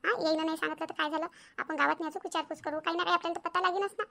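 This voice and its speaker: A woman's voice: extremely high pitch, steady tone, racing, gravelly, bright, forceful tone, full character voice. A woman voicing an anxious, fussy village woman in a cartoon, pleading and soothing her friend. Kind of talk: cartoon voice acting.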